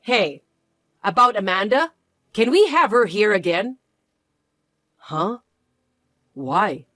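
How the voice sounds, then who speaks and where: A reader voicing an older, entitled mother-in-law who is shrill, pushy and indignant in a scripted audio story. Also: expressive, slow, fairly bright tone, dry recording. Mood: indignant, demanding.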